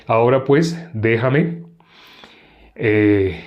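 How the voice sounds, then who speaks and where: A man reading the part of Abishai, an eager young soldier, in a plain, steady way. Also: medium pitch, drawn-out words, lo-fi sound.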